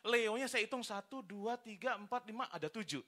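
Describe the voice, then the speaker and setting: A man preaching, telling stories with a lot of energy. His voice sits a bit high and sounds bright, and he keeps turning to speak to the congregation. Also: fairly quick. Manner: lively storytelling, often addresses the congregation. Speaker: pastor. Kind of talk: sermon. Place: church service.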